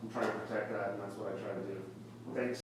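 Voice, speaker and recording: Fast-talking man pitching in an echoey room. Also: steady tone, slight background noise. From Florida. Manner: fast, salesy, persuasive. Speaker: startup founder pitching. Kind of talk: live pitch presentation. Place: event space at a tech meetup. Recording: echoey room, mic far off.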